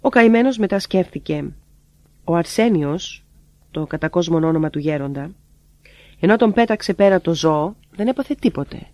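Reader for devotional teachings, measured and unhurried, mid-pitched, dry and close. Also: expressive, darkish tone, dry recording. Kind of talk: read-aloud spiritual teachings in the first person.

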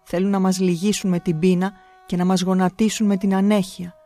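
A woman's voice: mid-range voice, level tone, warm tone, faint music behind, close to an everyday voice. Woman voicing an earnest defiant village boy. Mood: indignant. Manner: earnest, vehement pleading.

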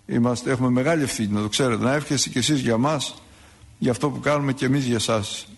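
A man's voice: medium pitch, creaky, slightly rough. A male priest giving a sermon on saints' lives, in a conversational way with asides and rhetorical questions.

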